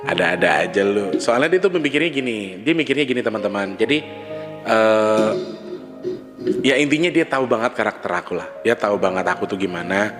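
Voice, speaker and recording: A man's voice: lowish voice, lively intonation, brisk. Confiding man over reverb and music. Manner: candid, repetitive, with frequent soft laughs. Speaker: vlogger. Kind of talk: confessional casual monologue. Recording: long reverb with background music.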